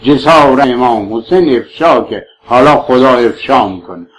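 A man's voice: medium pitch, a little hiss or hum, rough recording. A man preaching a religious sermon with fervent, rhetorical questions that rise and fall.

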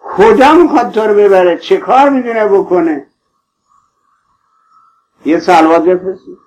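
Male preacher, high voice, fervent pleading sermon delivery. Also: a little mellow, a little hiss or hum, low-quality recording. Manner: impassioned, pleading, addresses listeners tenderly.

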